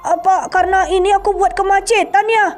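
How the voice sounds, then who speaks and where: A woman's voice: very high voice, fairly even intonation, fairly quick, faint music behind. A woman voicing a giant male hamburger monster in a game-animation drama. He is groggy, indignant and whiny. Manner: groggy, indignant, whining in pain.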